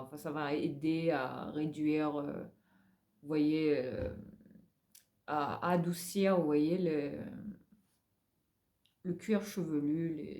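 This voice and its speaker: A woman's voice: low voice, dark tone. A woman with a French accent chatting through a product haul, gushing over finds and tagging nearly every phrase with a filler. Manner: chatty, tags most phrases with "hein". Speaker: haul vlogger. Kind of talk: casual product haul chat.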